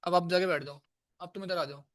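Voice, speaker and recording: High-pitched man teaching a coding class in a room, casual and teasing with students. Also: steady tone, brisk, a bit bright. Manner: casual, scolds and coaxes students. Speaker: programming teacher. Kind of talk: live classroom lecture.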